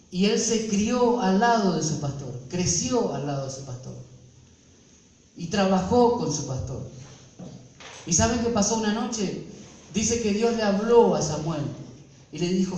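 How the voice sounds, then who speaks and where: A man's voice: high-pitched, darkish tone. A man with an Argentine accent, a pastor preaching a sermon who keeps asking the congregation rhetorical questions. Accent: Argentine Spanish. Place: church. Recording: echoey church from far off, faint noise.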